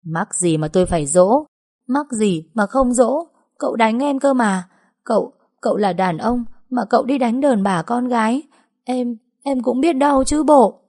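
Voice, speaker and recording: A woman's voice: medium pitch, moderate pace, darkish tone, voice pushed up, natural voice. A woman voicing a tearful young bride who stammers and pleads. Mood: whimpering. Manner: stammering, whimpering, repeats words.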